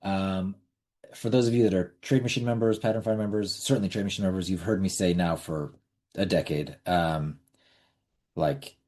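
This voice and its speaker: A middle-aged man with a low, mellow voice hosts a casual online webinar into a computer mic. He talks bluntly, repeats words as he goes, and swears now and then. His delivery stays loose and conversational. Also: fairly even intonation, normal speed. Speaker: webinar host.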